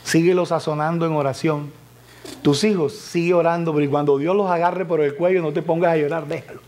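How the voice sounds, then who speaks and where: A man preaching a fervent sermon in a church, swinging from loud exclamations to soft, near-whispered appeals. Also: a little high, steady tone, fairly quick, slight background noise. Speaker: evangelist preacher.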